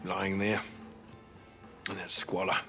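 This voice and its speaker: A hushed, brooding guardian. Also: male voice, sits low, monotone. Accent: New Zealand. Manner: slow, hushed, menacing. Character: brooding man who raised a girl, cold and secretive. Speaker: actor in a TV series. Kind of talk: TV drama acting. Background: music.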